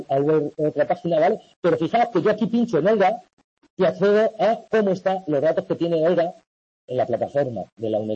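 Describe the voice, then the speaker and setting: Tutoring an online university class, a man patiently explains the coursework, repeating himself and constantly checking with "¿vale?" that students are following. His voice is fairly high with a dark, slightly rough tone, and the audio sounds dull.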